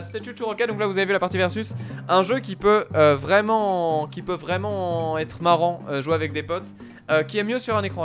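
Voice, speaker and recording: Young guy streamer, pretty high voice, yells n swears at the game, faint music behind. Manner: excitable, swearing, shouting at the game. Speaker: gaming streamer. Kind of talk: live gameplay commentary.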